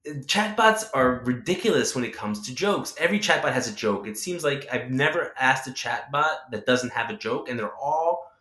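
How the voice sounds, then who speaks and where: A man, a guest who designs chatbot characters, giving animated and opinionated answers in a casual interview, often restarting his sentences. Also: medium pitch, normal speed, hardly any pauses. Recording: echoey room.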